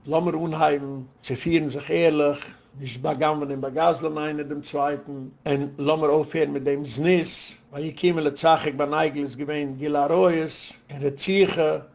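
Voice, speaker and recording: A man's voice: a little high, steady tone, normal speed, a little mellow. A man giving a Torah sermon as a rabbi, preaching with rhetorical questions and a sing-song emphasis.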